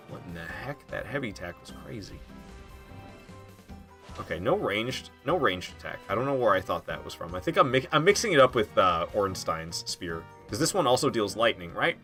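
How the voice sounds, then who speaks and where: A man's voice: on the low side, a bit bright. A man casually commenting while playing a game on a live stream, rambling and laughing, talking to his chat. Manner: chatty, rambling, laughs often, talks to chat.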